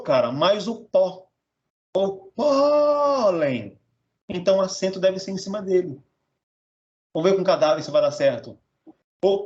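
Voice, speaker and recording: Man, Portuguese teacher, casual profane lecture, fairly high voice. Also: darkish tone. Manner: blunt, profane, joking. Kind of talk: informal recorded lesson. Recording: dull, muffled audio.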